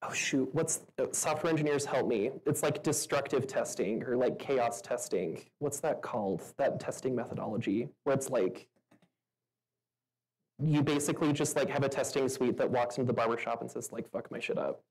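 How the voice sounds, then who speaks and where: A woman's voice: very deep voice, normal speed, darkish tone, breathy edge, low-quality recording. A woman answering audience questions at a meetup in a casual, chatty way, with lots of fillers. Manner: chatty, filler-heavy, laughs often. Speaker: meetup speaker. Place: stage in a venue with an audience.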